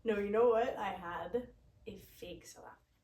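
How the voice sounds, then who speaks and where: A young woman with a Canadian accent co-hosting a podcast in casual chat, teasing and animated, laughing often. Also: medium pitch, normal speed. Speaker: podcast co-host. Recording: echoey room, voice distant from mic.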